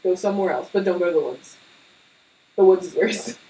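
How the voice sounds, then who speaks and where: A woman's voice: fairly low pitch, brisk, mellow. A young woman co-hosting a podcast, chatting casually with lots of fillers and tangents. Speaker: podcast co-host. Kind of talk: casual chat. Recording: slightly distant mic with faint hiss.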